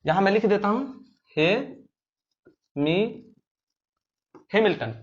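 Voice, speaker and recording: Slow and expressive, a high-voiced young man explains exam memory tricks by telling playful stories and acting out rustic-dialect scenes. The audio sounds dull.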